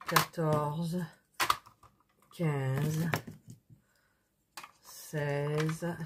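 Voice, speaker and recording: A woman chatting casually to viewers while doing a craft, thinking aloud with many hesitations and counting items out loud. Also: low-pitched, very noisy. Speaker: crafting video host.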